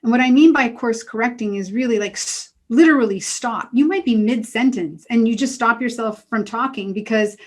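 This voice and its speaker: A middle-aged woman answering interview questions as an emotional intelligence coach, calm and earnest, giving advice. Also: fairly high pitch, moderate pace, few pauses.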